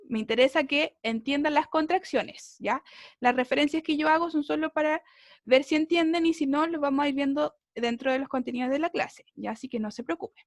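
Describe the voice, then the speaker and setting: A woman's voice: high voice, no room sound, clean studio sound. A woman English teacher explaining a lesson over a video call, patiently checking that her students follow. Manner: patient, keeps checking understanding with tag questions. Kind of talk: online class explanation.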